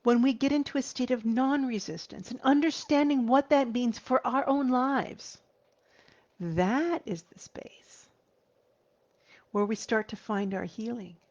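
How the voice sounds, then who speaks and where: A woman in her forties, a grief therapist, speaking earnestly to viewers, slowing down and dropping to a soft whisper for emphasis. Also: fairly high pitch. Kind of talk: heartfelt talk to viewers. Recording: slightly dull lo-fi recording.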